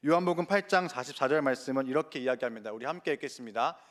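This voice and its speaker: A man's voice: mid-range voice, very fast, a bit bright. A man preaching a sermon in a church, earnestly addressing the congregation with rhetorical questions. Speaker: evangelist preaching.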